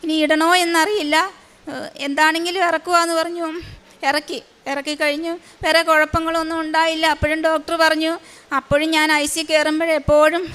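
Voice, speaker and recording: A middle-aged woman tells her story in a high voice that stays level, without much rise and fall. She pauses often and fills the gaps with small sounds as she works through each part. It is an unpolished spoken testimony. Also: a bit bright. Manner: slow, halting retelling with frequent fillers. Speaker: testimony giver at a shrine.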